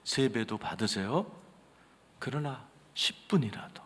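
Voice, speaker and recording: A man preaching a sermon as senior pastor, telling a story with sudden swings between loud outbursts and hushed asides. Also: mid-range voice, expressive, measured pace, slightly rough. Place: large church sanctuary. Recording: reverberant church hall.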